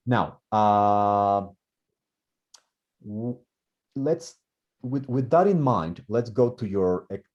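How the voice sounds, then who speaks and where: A language teacher explains grammar in class, thinking aloud with lots of repeated words and restarts. He has a lowish, slightly mellow voice, captured on a muffled lo-fi recording.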